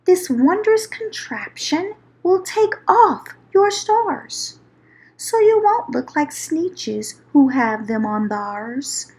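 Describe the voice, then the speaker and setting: Sly male huckster for a children's storybook, played by a woman: theatrical, coaxing sales patter, high and unhurried. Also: very animated, a little mellow, heavily acted. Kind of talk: children's storybook read-aloud.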